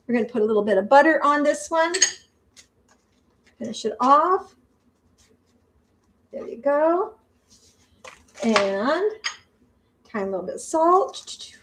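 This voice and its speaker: An older woman with a high voice talks casually while she cooks in her home kitchen. She chats in a friendly, homey way, narrating each step as she goes. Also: noisy background. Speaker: vlogger. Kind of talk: casual cooking vlog.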